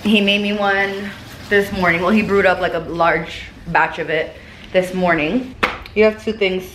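A woman's voice: mid-range voice, fairly even intonation, unhurried. A young adult woman with a lisp and whistling s sounds, chatting casually as a vlogger at home into a camera mic. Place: rooms inside a house. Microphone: camera mic at about arm's length. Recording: echoey room with clear background noise.

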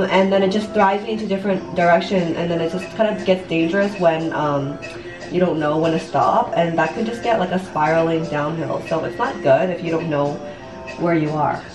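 Doing makeup in her bathroom at home, a vlogger and online business coach in her late twenties speaks with a voice on the low side. She chats casually and confessionally with viewers, wandering off a little, saying "like" and "you know" often, and swearing some. A camera placed a step or two away records the echoey room from a distance.

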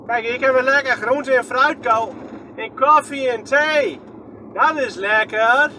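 A man with a Groningen accent and a very high, bright voice rambles through a slow, casual commentary from inside a moving vehicle. He asks himself questions and lets sentences trail off. A faint hum of road noise sits behind him. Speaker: vlogger. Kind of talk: casual running commentary while driving.

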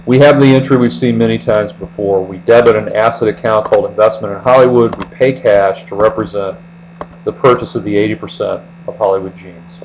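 Working step by step through an explanatory lecture, an American accounting tutor talks a little fast in a fairly low-pitched voice. He's recorded indoors narrating a screen recording. The recording quality is low, marked by a steady mains hum.

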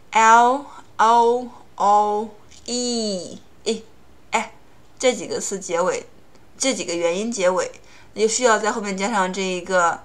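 A woman teaching English pronunciation, explaining rules in Chinese and slowly repeating English example words. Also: medium pitch. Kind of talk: language lesson.

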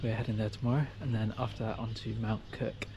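A man's voice: fairly low pitch, little pitch movement, fast talker, vocal fry, highs cut off, background noise. Easygoing man narrating a travel vlog. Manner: easygoing, chatty, with filler words. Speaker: travel vlogger. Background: background music.

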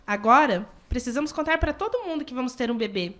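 Woman as earnest young expectant lover, radio soap opera, high voice. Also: expressive, fast talker, fairly bright tone. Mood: affectionate. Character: earnest pregnant young woman in forbidden love.

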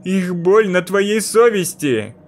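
A man voicing a sinister female spirit in a mirror, slow, loud and menacing. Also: high voice, slight background noise, voice pushed up.

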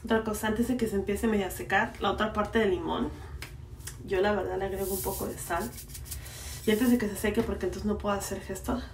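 A woman's voice: mid-range voice, fairly even intonation, fairly quick. Mexican woman chatting away to viewers, playful, sounds far from the mic, bit of hiss. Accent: Mexican Spanish. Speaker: beauty vlogger. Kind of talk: casual chat while applying a face mask. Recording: echoey room, mic far off, faint noise.

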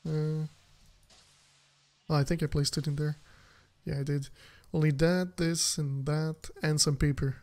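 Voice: medium pitch, little pitch movement, unhurried, a little mellow. A game streamer giving casual, chatty commentary to viewers while playing, laughing often.

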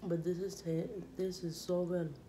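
Slow mellow-voiced woman vlogger eating. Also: on the low side, little pitch movement, a little hiss or hum. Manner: rambling, many fillers, talks with mouth full. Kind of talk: casual mukbang chat while eating.

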